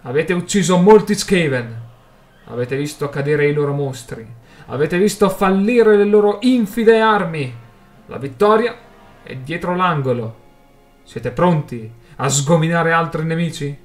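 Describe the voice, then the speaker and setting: A man voicing a young male adventurer who rouses a frightened crowd with loud, impassioned oratory. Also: fairly high pitch, lively intonation, measured pace, soft background music, voice pushed up. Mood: fiery rallying shout.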